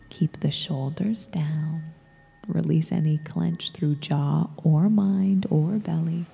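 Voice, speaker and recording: A woman guides meditation in a soft, breathy spa whisper that is very mellow and low. She speaks extremely slowly and soothingly, as a gentle instructor. Her voice trails into long reverb over faint music.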